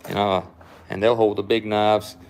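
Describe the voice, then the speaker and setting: Crowd noise fills the background as a man from South Mississippi, a knife shop owner, hosts a casual livestream in his Southern accent. His fairly low voice stays level at a moderate pace while he rambles and doubles up words going through viewer comments.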